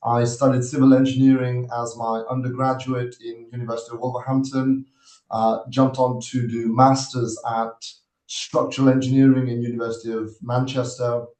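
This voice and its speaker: A man in his thirties from Nepal delivers a webinar presentation over a video call. He speaks in an earnest, measured way, with frequent hesitations and restarts. His voice sits in a middle register, and the room around him sounds noticeably echoey. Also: medium pitch, flat delivery, darkish tone. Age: 30s. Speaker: guest speaker, army officer.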